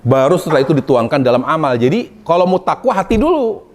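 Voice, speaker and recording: A man's voice: fairly high pitch, big pitch swings, fast, darkish tone. A man preaching a casual sermon to a women's study group, chatty and humorous, with colloquial asides and repeated points for emphasis. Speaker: Islamic preacher.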